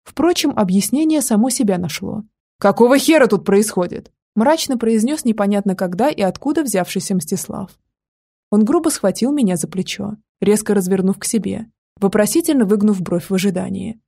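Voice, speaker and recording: Woman, audiobook narrator, first person, expressive; husky, gravelly voice. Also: medium pitch, a little fast. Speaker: audiobook reader.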